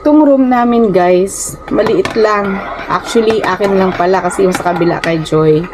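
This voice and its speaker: In a noisy setting, a woman with a medium-pitched voice and a Filipino accent chats with viewers at a moderate pace. Raised in the Philippines, she vlogs from a small rented room at home, calls her audience "guys," and occasionally stumbles over words.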